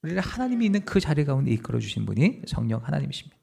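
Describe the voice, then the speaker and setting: A male pastor preaching a sermon, swinging between loud urging and hushed, slow passages. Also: medium pitch, gravelly. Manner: animated, acts out dialogue in quoted voices.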